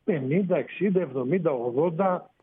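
A man, a sports reporter phoning in to a radio show, explaining in an animated way. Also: fairly high pitch, a crowd in the background. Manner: explanatory, animated, rising emphasis. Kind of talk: sports radio phone-in analysis. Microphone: phone. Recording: tinny phone line on radio.

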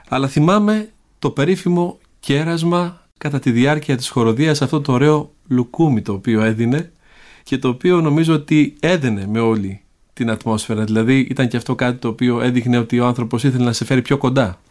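A man asking questions in a reflective interview, speaking in measured, formal phrases. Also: mid-range voice, darkish tone.

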